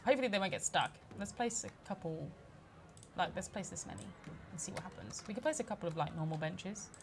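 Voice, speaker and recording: A woman giving casual let's play commentary as she builds a park, chatty and quick to laugh. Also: on the low side, lively intonation, slight background noise. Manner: chatty, laughs often, mock-outraged at park guests. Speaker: community manager streaming a game.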